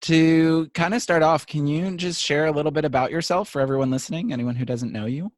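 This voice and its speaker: A man's voice: a little high, a little fast, no echo, studio quality. A man hosting a podcast, introducing the episode and asking questions in an upbeat, friendly way. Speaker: podcast host.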